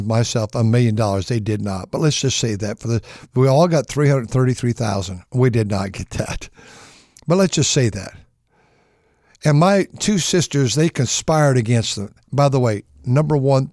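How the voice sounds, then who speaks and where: A man's voice: mid-range voice, a little mellow, no room sound, clean studio sound. A male pastor reading Scripture and preaching in an emphatic manner, with repeated words and rhetorical questions. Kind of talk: radio sermon, Bible reading with commentary.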